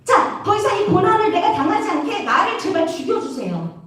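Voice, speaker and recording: A worn-out male leader cries out his complaints in an exhausted, pleading lament, as a woman puts him on. The voice rises and falls widely. It comes from far off in a booming, echoey hall. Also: big pitch swings, fairly quick, fairly bright tone, heavily acted. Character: weary male leader begging God for relief.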